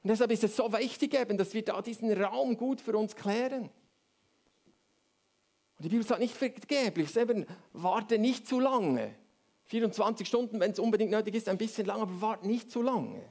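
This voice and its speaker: A man's voice: sits high, normal speed, a little mellow. A man preaching a sermon, explaining step by step and often checking in with "oder?".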